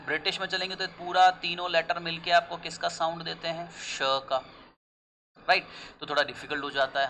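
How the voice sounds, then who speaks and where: A young Indian-accented man teaches English pronunciation in a bright, fairly high voice, with faint noise under the recording. He moves slowly and deliberately through the English words, rushes the Hindi asides, and keeps asking his class questions that he answers himself. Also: low-quality recording. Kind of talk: classroom lesson.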